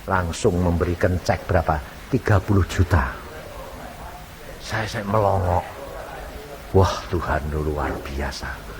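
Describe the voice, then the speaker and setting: An evangelist preacher delivers a storytelling sermon, acting out conversations in shifting voices. He speaks low and measured with a crowd in the background, on an old MP3 with hall reverb and faint hiss.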